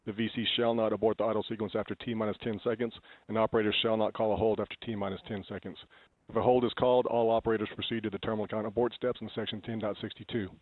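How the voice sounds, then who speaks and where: A man's voice: lowish voice, little pitch movement, very fast, no echo. A man working as a launch controller reads countdown procedures in a clipped, formal way over a radio net. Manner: clipped, formal, scripted delivery. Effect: radio comms net. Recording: tinny phone-like radio comms line.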